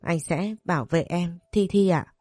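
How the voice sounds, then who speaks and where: A woman's voice: on the low side, a little slow, dark tone, no room sound, soft background music. Woman voicing a smarmy scheming young man. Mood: pleading.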